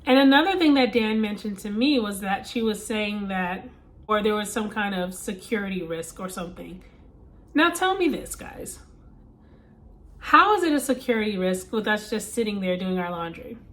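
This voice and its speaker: A woman vlogger casually retelling a story, animated and emphatic, with asides to her viewers. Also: mid-range voice, normal speed.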